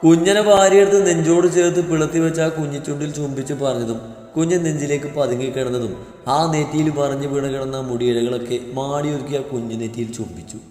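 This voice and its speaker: A man softly narrating a romantic story. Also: fairly high pitch, fairly even intonation, fast talker. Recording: roomy reverb with faint music.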